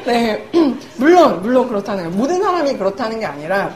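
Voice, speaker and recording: A young woman with a fairly high voice preaches a humorous sermon, chatting in a self-mocking way and laughing often, her pitch swinging widely at a slightly quick, mellow pace. She's in a church hall, and the recording is echoey with faint room noise.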